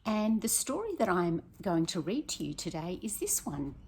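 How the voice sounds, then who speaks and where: A primary school teacher reads a picture book aloud to children, her slightly husky voice sitting lowish and moving at a moderate pace. She's expressive and prompts the kids with questions. A faint hiss or hum runs underneath.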